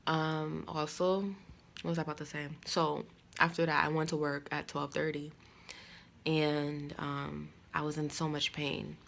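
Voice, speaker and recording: Young woman, casual vlogger, candid storyteller; low, gravelly delivery over faint room noise. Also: a little slow. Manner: candid, storytelling, animated when quoting others. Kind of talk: casual vlog talk.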